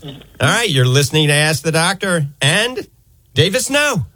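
An eye doctor from the New Orleans area hosts a live health call-in radio show, explaining things fluently and emphatically into a close studio mic. This American man's voice sits on the high side, with a sing-song lilt, moderate pace, and sharp tone.

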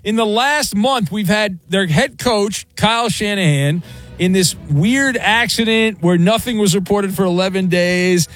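A man hosting late-night sports talk radio with a smooth radio host delivery, joking quickly with callers. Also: high-pitched, fairly bright tone, no room sound, soft background music. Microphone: studio microphone.

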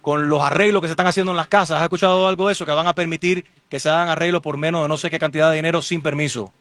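A man's voice: on the high side, steady tone, fairly bright tone, dry recording. A man hosting a live radio remote outdoors, chatting and teasing listeners at a giveaway. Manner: joking, teasing, fast-talking. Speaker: radio host.

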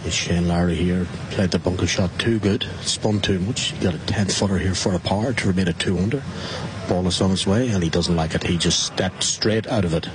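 A man's voice: deep voice, brisk, noisy background. A man giving live on-course golf commentary in clipped, terse phrases.

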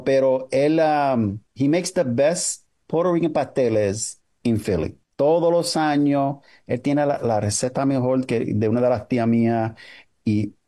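Mellow-voiced man hosting a radio show. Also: mid-range voice. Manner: chatty, mixes in English phrases. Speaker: radio host. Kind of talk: radio interview.

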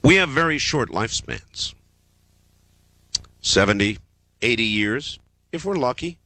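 Smooth-voiced male radio host, bright and lively. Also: medium pitch, no room sound. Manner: smooth radio host delivery, calm and measured, leaning into repeated phrases. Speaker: radio call-in show host. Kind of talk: late-night call-in radio talk. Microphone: studio broadcast microphone.

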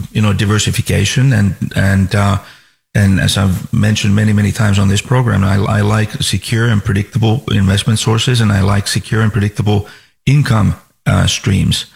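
A Finnish financial advisor appears as a guest on a radio talk program, speaking in a measured way full of restarts and fillers. His voice is lowish, creaky, and darkish in tone.

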